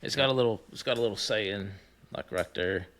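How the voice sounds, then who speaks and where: A man's voice: fairly low pitch, fairly quick, fairly bright tone. A man chatting casually as a co-host on a talk show. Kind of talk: casual chat.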